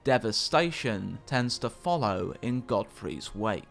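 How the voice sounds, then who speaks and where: A man reading scripted game lore narration with measured, dramatic storyteller phrasing. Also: on the low side, lively intonation, gravelly, fairly bright tone. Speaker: video narrator. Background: background music.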